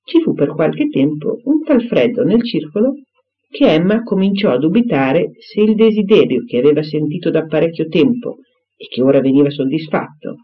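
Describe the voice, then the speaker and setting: A male narrator reads a classic novel aloud in a measured, expressive way. His voice sits a little high and is animated, with a wide range of pitch. The sound is dull and lo-fi. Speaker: audiobook narrator. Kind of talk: literary audiobook narration.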